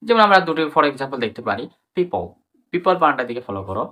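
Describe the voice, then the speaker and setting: A man with a Bengali accent gives an English pronunciation lesson in a bright, forward voice. He spells each word letter by letter and repeats it slowly for learners. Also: medium pitch, big pitch swings.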